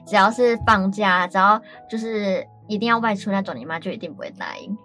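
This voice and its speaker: A woman's voice: medium pitch, expressive, brisk, fairly bright tone, soft background music. Young woman co-host leading the chat. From Taiwan. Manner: asks questions, leads topics. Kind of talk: casual radio chat.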